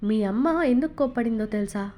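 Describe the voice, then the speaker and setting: A woman reading a novel aloud and voicing a patient father who gently soothes his little son. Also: on the high side, fairly even intonation, a little fast, natural voice. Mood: soothing. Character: calm, gentle father of young children.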